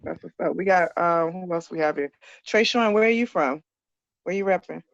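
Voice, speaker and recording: A woman's voice: lowish voice, moderate pace, vocal fry, dry recording. A woman coordinating a youth program, welcoming students on a video call in a casual, encouraging way. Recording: muffled video-call audio.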